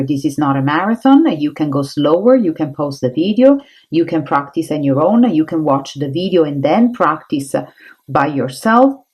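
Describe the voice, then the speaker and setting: Italian-accented woman, low husky voice. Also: a little mellow, poor audio. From Italy. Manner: chatty, encouraging, thinks aloud while drawing. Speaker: art teacher. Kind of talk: casual art tutorial.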